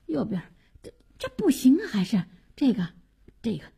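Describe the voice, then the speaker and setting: Fussy old Beijing granny, high lively stammering radio comedy voice. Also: female voice, moderate pace, gravelly, slightly rough, full character voice. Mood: flustered. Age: older. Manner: flustered, stammering, many exclamations. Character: fussy flustered old grandma, Grandma Meng.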